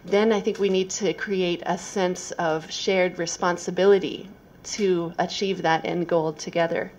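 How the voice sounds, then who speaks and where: A woman's voice: on the low side, steady tone, a little slow, a little mellow. A woman speaking as a presenter at a conference, explaining her thoughts step by step.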